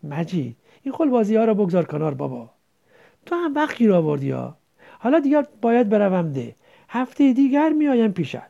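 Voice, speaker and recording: A male narrator playing a testy, proud man with curt, irritated replies. The voice sits high with a gravelly edge and a mellow, dark tone. The recording is dull and lo-fi. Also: big pitch swings, full character voice. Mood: dismissive.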